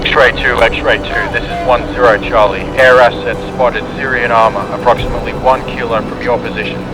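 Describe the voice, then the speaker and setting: A man playing a calm military radio operator, giving clipped procedural calls. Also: brisk, natural voice. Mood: businesslike. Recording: very noisy, vehicle-like rumble behind.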